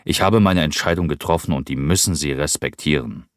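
A man's voice: very deep voice, measured pace, vocal fry, no room sound, studio quality, exaggerated voice. A man reading an audiobook and voicing a weary, bitter nobleman who answers with curt, resigned retorts. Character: weary, bitter aristocratic man, tired of life.

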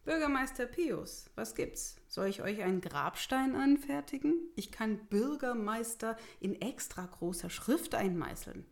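A woman's voice: fairly high pitch, expressive, measured pace, creaky, few pauses, pitched above the performer's own voice. A woman voicing a grumpy, sarcastic male wolf who works as a stonemason in a storybook reading. He answers curtly and mockingly. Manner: curt, mocking, irritable.

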